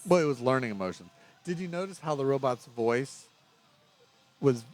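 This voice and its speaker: A man's voice: medium pitch, lively intonation, moderate pace, darkish tone. A middle-aged man co-hosting a casual film review podcast, rambling and correcting himself as he talks. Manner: rambling, self-correcting, chuckles. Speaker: podcast co-host.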